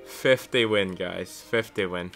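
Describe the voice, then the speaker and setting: A man's voice: deep voice, slow, vocal fry, fairly bright tone, faint music behind. A young man streaming a video game live, chatting with viewers and thanking them. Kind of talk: live gaming stream chat.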